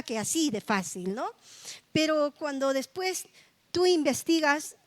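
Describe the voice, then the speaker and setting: A middle-aged woman pastor with a high voice preaches a sermon in a conversational, testimonial style, frequently tossing tag questions to her congregation. The recording is dry and close, with little room echo.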